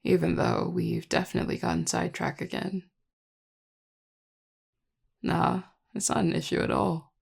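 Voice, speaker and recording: A performer voicing a charming, affectionate vampire lover in an intimate audio role-play, teasing and tender in a relaxed, gravelly voice. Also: mid-range voice, normal speed, pauses often. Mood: fond, teasing. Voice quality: gravelly, heavy vocal fry. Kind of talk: intimate audio role-play, one-sided dialogue to listener.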